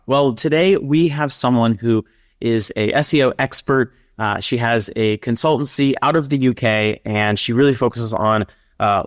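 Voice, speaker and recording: A man hosting a podcast interview, upbeat and talking in quick bursts. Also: medium pitch, no echo, studio quality. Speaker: podcast host.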